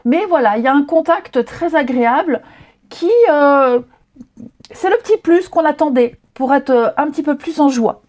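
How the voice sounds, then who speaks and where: A woman's voice: high-pitched, moderate pace, darkish tone. A woman giving a casual daily tarot reading, chatty and reassuring, with many fillers and restarts. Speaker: tarot reader.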